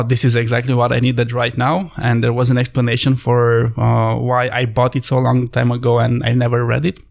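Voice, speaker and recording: Man, gravelly vocal fry, thoughtful storyteller, podcast guest. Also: medium pitch. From Romania. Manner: thoughtful, storytelling, slightly non-native phrasing. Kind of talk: conversational podcast interview.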